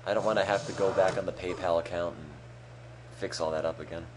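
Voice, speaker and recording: Over game music and some background noise, a man with a deep voice and steady tone talks fast while hosting a charity game stream. His let's-play commentary is dry, sarcastic and self-deprecating.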